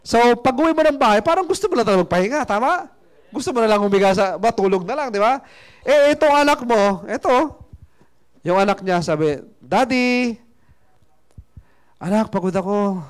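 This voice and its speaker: A man's voice: very high-pitched, lively intonation, a little fast. A man giving a motivational seminar talk, chatty and playful, asking his audience questions. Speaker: seminar speaker.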